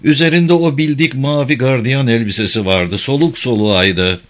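A man's voice: medium pitch, moderate pace. A man narrating a prison thriller audiobook in a dramatic, scripted reading. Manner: dramatic, expressive.

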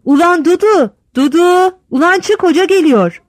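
A woman's voice: fairly high pitch, a little fast, no echo, studio quality. A woman voicing a proud, talkative male village instructor who shows off his farm and calls out to his wife, in a read-aloud story. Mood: shouting. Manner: excited, shouting to his wife.

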